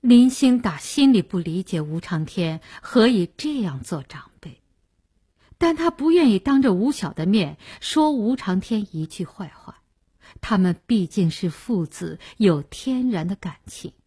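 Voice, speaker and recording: A woman reads a novel aloud with expressive, scripted storytelling. Her voice is husky and grainy, yet her pitch ranges widely, giving the reading a lively shape. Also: measured pace. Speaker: audiobook narrator.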